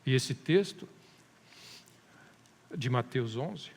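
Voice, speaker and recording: A man's voice: medium pitch, animated, extremely slow, creaky, slightly rough. A male pastor preaching a sermon with a Brazilian Portuguese accent, building to emphatic rises and stretching key words. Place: church hall. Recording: long church-hall reverb.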